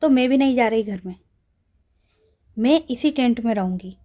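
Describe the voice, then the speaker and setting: A woman reading a determined young woman in a storybook audio drama, earnest and insistent. Her voice is soft and warm, set fairly high. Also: expressive, moderate pace, lightly acted.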